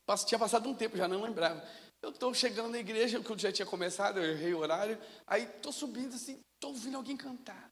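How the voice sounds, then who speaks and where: Male pastor, high-pitched, lively storyteller from the pulpit; reverberant sanctuary sound. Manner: storytelling, animated, casual. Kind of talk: sermon. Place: church sanctuary. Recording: long reverb of a church hall.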